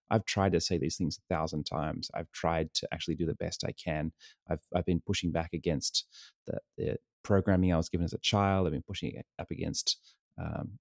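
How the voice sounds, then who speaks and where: Very deep-voiced Australian man. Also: no room sound, clean studio sound. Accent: Australian, softened toward American. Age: 30s. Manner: earnest and reflective. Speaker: guest singer-songwriter. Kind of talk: casual interview chat.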